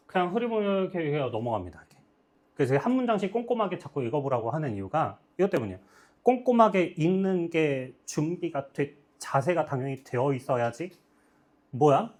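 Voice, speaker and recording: A man teaching English grammar in a classroom lecture, explaining step by step and checking with the class again and again. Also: a little high.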